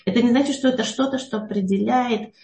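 A woman with a gravelly, mellow voice explains a psychology idea to an audience. She often pauses to check in with a questioning "yes?". The sound is roomy and echoey. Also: fairly high pitch. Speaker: psychology speaker.

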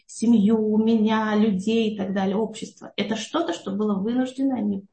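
A woman's voice: medium pitch, steady tone, moderate pace, dark tone, reverberant. A woman explaining a psychology idea to an audience, often checking in with a questioning "yes?". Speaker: psychology speaker.

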